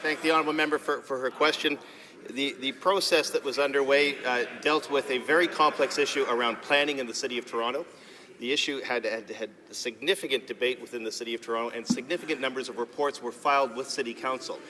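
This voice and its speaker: A man's voice: medium pitch, fairly even intonation, fast talker, a crowd in the background. A man answering as a parliamentary secretary, in a formal debate style inside a legislative chamber. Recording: echoey legislative hall.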